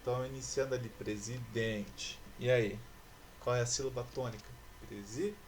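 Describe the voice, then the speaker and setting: Patient teacher stretching out words. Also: male voice, medium pitch, level tone, quick pace, a little hiss or hum. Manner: patient and explanatory, stretching out words as he spells syllables. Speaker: school teacher. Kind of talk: recorded online class.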